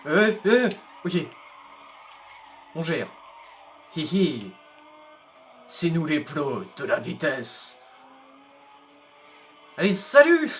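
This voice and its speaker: Man, young adult, let's play commentary, playful, slow-paced, faint game music. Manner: playful, excitable, talks to rival drivers, bursts of high yelps. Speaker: gaming YouTuber.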